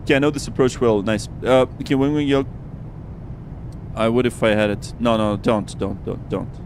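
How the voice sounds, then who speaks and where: A man's voice: medium pitch, fairly even intonation, moderate pace, a little mellow, a little hiss or hum. A man hosting a casual flight simulator livestream, talking informally and often repeating his words. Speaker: livestream host.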